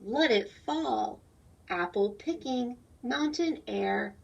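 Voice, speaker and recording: A woman teacher takes young children through a picture book, explaining simply and asking them questions. Her slightly high voice is expressive and slow, gravelly and breathy with a darkish tone. It is recorded in dull, lo-fi sound, far from the mic.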